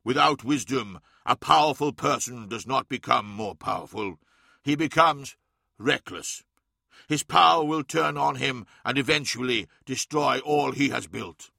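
A man's voice: medium pitch, a little slow, gravelly, bright, forceful tone, no echo, clean studio sound, full character voice. A man voicing a solemn, commanding god-emperor. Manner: grave, commanding proclamation. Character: all-powerful godlike male emperor, solemn.

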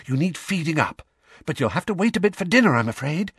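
A man reading a storybook aloud, voicing a bustling, motherly middle-aged witch who talks in urgent hushed whispers. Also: a little high, big pitch swings, quick pace, husky, no room sound, studio quality, pitched above the performer's own voice, heavily acted.

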